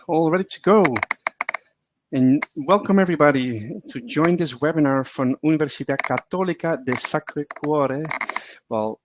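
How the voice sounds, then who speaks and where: A man's voice: mid-range voice, slight background noise. Man moderating a webinar over video call. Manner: friendly, loose, with many fillers and restarts.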